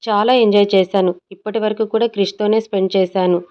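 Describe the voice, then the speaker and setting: A woman's voice: mid-range voice, level tone, fast talker, lightly acted. A woman voicing a vain, scheming young woman who talks in a boastful way, in a dull lo-fi audio story recording. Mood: smug. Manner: smug and boastful.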